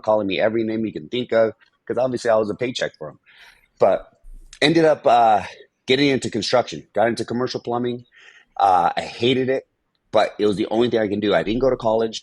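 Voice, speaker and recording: A man's voice: lowish voice, no room sound. A man on a podcast telling his life story in plain, frank words with some swearing, acting out old conversations. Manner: candid and profane, acts out past conversations. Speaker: podcast guest. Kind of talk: storytelling in an interview.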